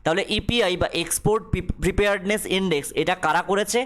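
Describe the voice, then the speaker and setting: Bengali guy tutoring exam students, highish voice, reads english slow then explains fast. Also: fairly bright tone. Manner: reads English text slowly, explains quickly, checks with "okay?". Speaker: exam coaching teacher.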